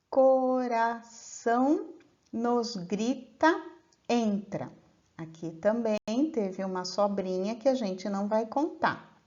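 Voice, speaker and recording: A woman teaching a lesson and reading verses slowly, stressing each syllable. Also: a little high, warm tone. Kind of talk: slow instructional explanation. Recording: dull lo-fi recording.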